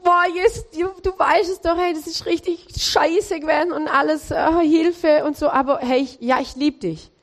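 A woman's voice: sits high, fairly even intonation, moderate pace, few pauses, voice pushed up. A woman preacher voicing the apostle Peter as a remorseful, flustered grown man pleading his love.

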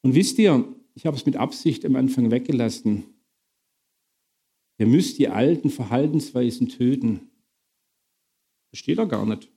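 A middle-aged man preaching a sermon to his congregation, lively, questioning and bantering with the listeners. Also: mid-range voice, unhurried, gravelly, pauses often, breathy edge.

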